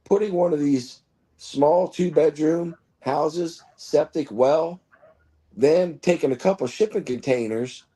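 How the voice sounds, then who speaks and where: A man's voice: a little high, takes it slowly, warm tone, breathy edge. A man in his fifties hosting a casual live-stream chat, rambling through stories and chuckling often. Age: 50s.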